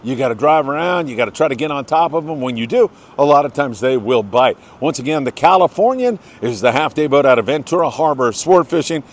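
Brisk and lively in intonation, this medium-pitched male host barely pauses as he delivers a casual fishing report. He's an older American, folksy, chatty and enthusiastic, congratulating people by name.

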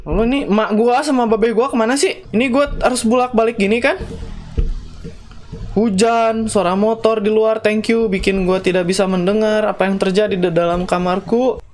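A man's voice: high voice, fairly even intonation, normal speed, a little mellow, a little hiss or hum. A young man doing slangy let's-play commentary on a horror game, mixing in English phrases and shrieking at jump scares. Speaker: gaming YouTuber.

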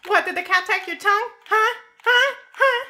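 A woman's voice: very high voice, moderate pace, pushed and bright, heavily acted. A woman voicing a goofy, pushy sock puppet that needles its companion in a comic skit. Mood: taunting.

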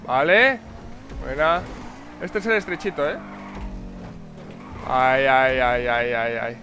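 A man from Spain commentating his own racing game live, excitable and swearing, repeating words in rapid bursts. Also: medium pitch, faint music behind. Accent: Spain Spanish. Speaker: gameplay commentator. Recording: faint game noise behind.

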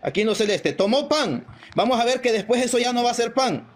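A man with a fairly high voice leads a live online debate over a video call. He reads verses aloud slowly, leaning on each quoted line, then argues his point. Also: animated. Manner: slows down and stresses quoted verses, argumentative.

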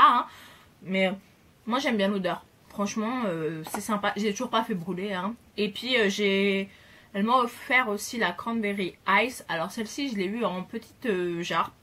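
Young female beauty vlogger, chatty and bubbly, mid pitch, pauses a lot mid-sentence, recorded at home. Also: a bit bright. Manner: chatty and enthusiastic, hesitant pauses. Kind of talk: casual gift haul chat.

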